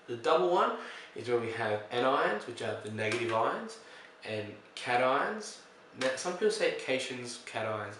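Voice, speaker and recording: Casting note: low-voiced male chemistry teacher, easygoing and explanatory, recorded off-mic in a very echoey room. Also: recorded from a distance, a little hiss or hum. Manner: relaxed, explanatory, with fillers and self-corrections. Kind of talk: recorded lesson explaining reactions.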